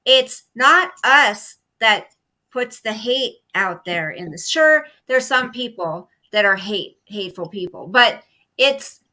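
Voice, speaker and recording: A woman's voice: on the high side, expressive, takes it slowly, sharp tone, low-quality recording. A middle-aged woman co-hosting a casual political chat at home, talking in an emphatic, indignant way and repeating her points. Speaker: co-host. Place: at home, live stream.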